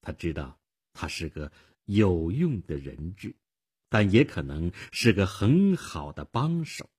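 A man narrating a story for radio in an expressive, acted-out style. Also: low-pitched, a little slow, slightly rough. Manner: expressive, acts out the scenes.

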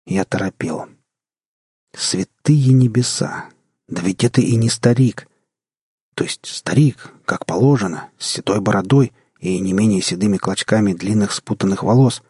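A man narrating a post-apocalyptic audiobook in the first person, measured and tense. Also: deep voice, dark tone, breathy edge, no echo, studio quality.

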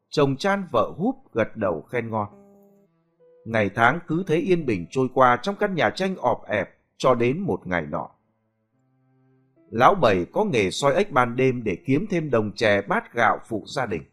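Lively male story narrator. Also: mid-range voice.

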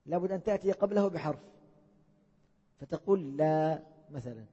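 A man's voice: on the high side, a little fast, warm tone, husky. A man teaching a classroom lesson, questioning his students and repeating key points. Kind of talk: classroom lesson on Arabic morphology. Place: lecture hall. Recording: dull lo-fi recording with long hall reverb.

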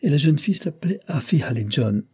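A narrator doing a probing, guarded lawyer. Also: male voice, a little high, sing-song, mellow, husky, pitched above the performer's own voice, full character voice. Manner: deliberate, pointed questioning. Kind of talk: audiobook character voice.

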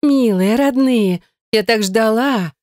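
A woman reading an excitable, gushing sister-in-law in a shrill, high voice. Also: fairly quick, dry recording, studio quality, close to an everyday voice. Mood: ecstatic.

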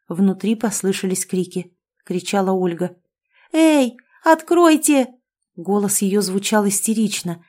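Brief: a female audiobook narrator, with a mellow, dark tone and a steady reading pace. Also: medium pitch. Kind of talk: audiobook reading of a horror story.

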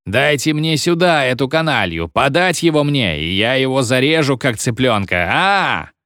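Roaring tyrant headmaster, as a male narrator puts him on, ranting, threatening, swooping lively pitch, dry close sound. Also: normal speed, no echo. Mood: raging. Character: furious bellowing male school headmaster, tyrant.

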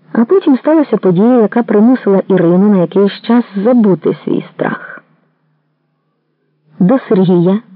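A narrator reading a literary novel aloud in a measured, even storytelling manner. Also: mid-range voice, no room sound, narrow, tinny audio. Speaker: audiobook narrator.

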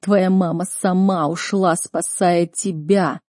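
A woman voicing a broken, weeping older duke who speaks slowly and tiredly to his son. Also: sits high, steady tone, a little mellow, no room sound, studio quality. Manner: slow, sobbing, tired.

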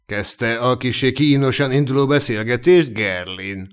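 A man narrating a comic fantasy story as an audiobook reader. He tells it in a plain, even way at a middling pitch.

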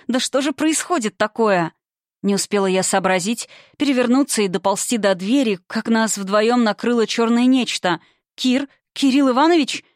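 A woman's voice: medium pitch, no room sound. Female audiobook narrator, suspenseful first-person read, dry.

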